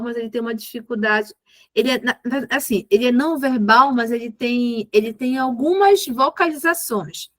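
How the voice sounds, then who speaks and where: A woman's voice: fairly high pitch, dry recording. A woman, a mentor patiently explaining behavior management with examples. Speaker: ABA mentor.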